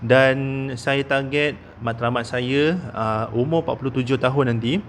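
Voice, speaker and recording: A man's voice: medium pitch, slight background noise. A man in his thirties with a Malaysian Malay accent, giving a casual investment talk as a consultant, with many "ah" fillers and "okey?" tags. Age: 30s.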